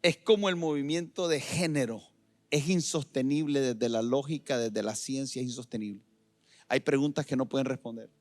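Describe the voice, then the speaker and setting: A middle-aged man preaching a sermon as pastor in a church, moving between loud emphatic lines and quiet asides. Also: medium pitch, normal speed.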